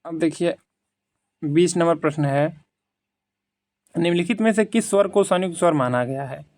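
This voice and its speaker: A man teaching Hindi grammar through quiz questions. He reads out the options slowly, then explains them in casual, conversational Hindi. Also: fairly high pitch, darkish tone, dry recording. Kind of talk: quiz lesson, reading questions and explaining answers.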